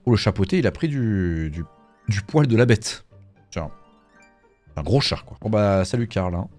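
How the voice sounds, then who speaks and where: Joueur français en let's play d'horreur : blagueur, animé, voix aux écarts marqués. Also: male voice, lowish voice, a little slow, soft background music. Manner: jokey, animated. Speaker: gaming YouTuber. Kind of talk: horror game let's play commentary.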